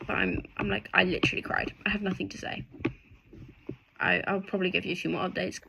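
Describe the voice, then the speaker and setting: A young woman from England chatting excitedly in a casual video diary, rambling with lots of fillers and restarts. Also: on the low side, fast, gravelly, background noise. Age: young adult. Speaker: vlogger.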